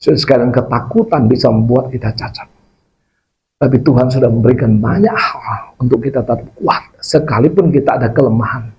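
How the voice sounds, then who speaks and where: A male pastor giving a storytelling sermon and then leading a spoken prayer, earnest and plain, with pauses. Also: medium pitch, darkish tone, low-quality recording. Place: workplace worship service.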